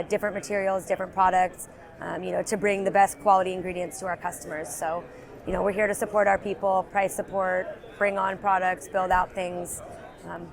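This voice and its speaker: A woman working as a beverage sales representative, explaining ingredients in a trade show interview, with frequent ums and you-knows. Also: medium pitch. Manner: explanatory, many fillers like um and you know.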